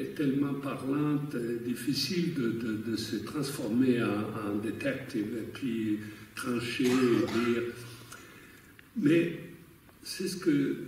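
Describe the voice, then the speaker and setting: A man speaking on an academic panel, slowly and haltingly, often restarting and repeating himself. He is picked up from far off in a very reverberant hall, with a faint hum of room noise underneath. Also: medium pitch, gravelly, a little mellow. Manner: hesitant, many restarts and repeated words. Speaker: round-table panelist. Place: conference hall. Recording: very echoey hall, distant mic.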